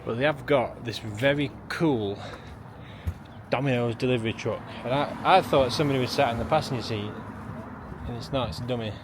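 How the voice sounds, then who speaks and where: A man's voice: mid-range voice, a little fast. A young man from England, chatting in a rambling, casual way as he vlogs a road trip, full of restarts and fillers. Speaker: travel vlogger. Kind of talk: casual travel vlog narration. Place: outdoors in a small town and in a car. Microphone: phone camera. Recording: phone video with clear street and car noise.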